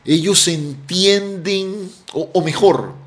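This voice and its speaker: A man preaching a sermon as pastor, emphatic, often dropping soft on key words and repeating phrases. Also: high-pitched, slow pace.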